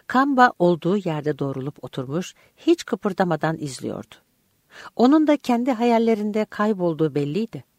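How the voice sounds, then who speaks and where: An audiobook narrator reading a first-person story aloud in an expressive, vivid way. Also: mid-range voice, no room sound, studio quality.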